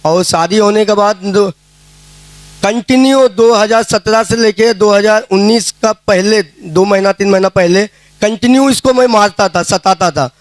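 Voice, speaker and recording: Guy giving his testimony at a prayer meeting, fairly high voice, dry close sound, acts out what people said. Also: moderate pace, no room sound. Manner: plain storytelling, often acting out quoted dialogue. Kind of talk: casual spoken testimony. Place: prayer hall.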